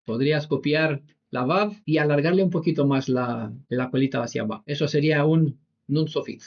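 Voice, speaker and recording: A man leads a Bible study class, talking through each point patiently and checking in with his listeners. His voice sits a little high for a man. The recording is dull and lo-fi, with the top end cut off. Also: normal speed, gravelly. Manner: explanatory, peppers sentences with "¿vale?". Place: meeting room with a whiteboard.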